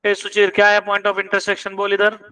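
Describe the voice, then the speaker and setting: A man's voice: high voice, monotone, unhurried, pushed and bright, clean tone, recorded from a distance, poor audio. A man teaching math in a classroom, quizzing students and pressing them to check each step. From India.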